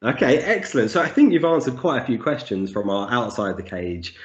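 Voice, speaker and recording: A man's voice: medium pitch, sing-song, brisk. A man hosting an interview, friendly and enthusiastic as he puts questions to his guest. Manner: friendly, enthusiastic, says "very cool". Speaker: podcast host. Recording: dull lo-fi audio.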